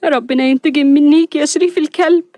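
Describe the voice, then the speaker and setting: A woman voicing a gentle, heartbroken young woman who speaks tearfully. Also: sits high, steady tone, fast, dry recording, studio quality, voice pushed up, natural voice. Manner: soft, tearful pleading.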